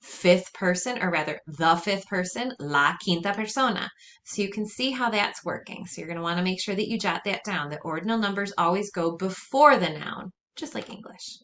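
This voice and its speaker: A woman teacher giving a recorded lesson, drilling words slowly and carefully and repeating them for her students. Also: lowish voice, expressive, fairly bright tone, slight background noise. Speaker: Spanish teacher.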